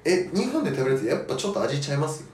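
A woman's voice: low voice, big pitch swings, very fast, darkish tone. A woman in casual chat. She asks questions and keeps up constant backchannels and laughter. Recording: roomy echo with faint background music.

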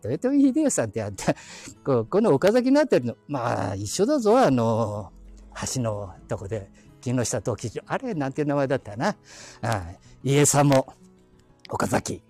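A man with an Aichi dialect, streaming live while walking quiet residential streets, chatting to himself with chuckling asides on a hand-held phone. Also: medium pitch, big pitch swings, normal speed, faint music behind. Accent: Aichi (Nagoya-area dialect). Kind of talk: casual rambling walk-and-talk.

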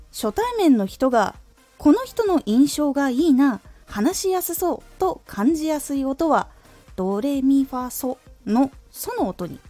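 Lively bright-voiced woman giving voice tips. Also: high voice. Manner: clear, careful teacherly delivery with deliberate demonstrations. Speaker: voice-training radio host. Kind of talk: scripted tips talk.

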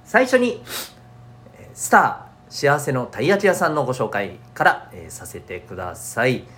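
A man's voice: mid-range voice, huge pitch swings, moderate pace, a bit bright. A man with a nasal, stuffed-up voice hosting a chatty solo show for schoolchildren and parents, speaking in polite, upbeat presenter phrasing. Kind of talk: chatty solo podcast talk.

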